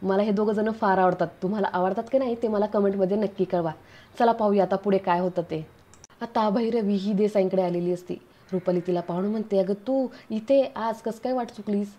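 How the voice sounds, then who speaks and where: A woman's voice: medium pitch, fairly quick. A woman retelling a TV serial episode, talking directly to her viewers as friends. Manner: steady recounting, addresses viewers as friends. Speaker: serial recap vlogger.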